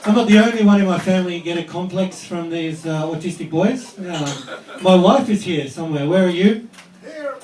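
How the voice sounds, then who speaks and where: Australian man doing stand-up, high voice. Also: expressive, normal speed, background noise. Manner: chatty, self-deprecating, acts out characters. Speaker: stand-up comedian. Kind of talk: stand-up comedy set. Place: comedy club stage with audience. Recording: echoey club, distant mic, crowd laughter.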